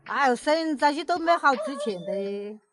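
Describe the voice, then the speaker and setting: A woman's voice: high voice, expressive, normal speed. A woman of about seventy from rural Sichuan, chatting casually in Sichuan dialect with plain, colloquial short answers. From rural Sichuan, near the Guizhou border. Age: around 70. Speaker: villager being interviewed. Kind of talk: casual chat.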